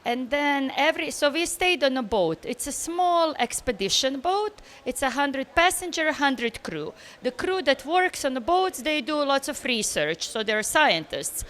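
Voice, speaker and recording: High-voiced woman traveller. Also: measured pace, hardly any pauses. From Bosnia. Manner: animated storyteller, laughs easily, loose grammar. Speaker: guest traveller. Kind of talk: casual interview answers.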